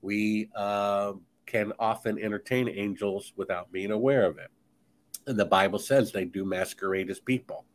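A man's voice: fairly low pitch, steady tone, moderate pace, a little hiss or hum. A man speaking as a guest author in a podcast conversation, talking in an emphatic, insistent, preachy way.

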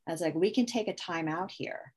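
A woman with a somewhat low voice talks through parenting advice in a relaxed, conversational way. She keeps restarting her sentences and slips into short quoted one-liners addressed to a child. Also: a little fast, slightly rough. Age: adult parent. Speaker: parenting expert guest. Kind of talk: conversational explanation with acted example phrases.

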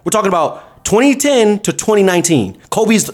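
Animated high-voiced man in sports chat. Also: normal speed. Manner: animated, blunt, calls listener "dog" and "man". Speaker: podcast host.

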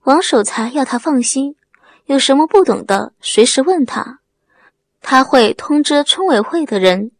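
A woman narrating a serialized audiobook story at a steady, even pace. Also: high-pitched, a little slow, dry recording, clean studio sound.

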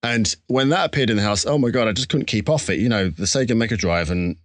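A man's voice: lowish voice, fast talker, no room sound. A man with an Essex accent, talking candidly and reflectively in a casual interview, with a self-deprecating, conversational way about him. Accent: Essex English. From Essex, England. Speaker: interview guest, musician.

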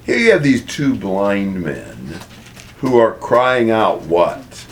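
A man leading a group Bible study, explaining a passage in a relaxed way and asking the group questions. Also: lowish voice, slow, vocal fry, slight background noise. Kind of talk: conversational group Bible teaching.

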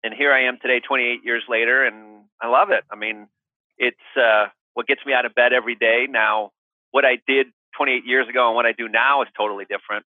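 A middle-aged male guest talks casually in an interview. His mid-pitched voice comes through a narrow, phone-like line with no room echo. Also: fairly even intonation, fairly quick. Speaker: podcast guest, mortgage professional.

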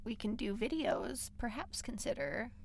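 A woman's voice: on the high side, expressive, unhurried, vocal fry, a little hiss or hum. A woman co-hosting a podcast, joking around in casual chat in a library recording room. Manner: playful, jokey. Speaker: podcast co-host.

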